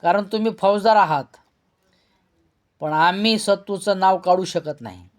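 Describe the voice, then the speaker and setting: A man's voice: high voice, unhurried. A man reading as a fussy timid village clerk.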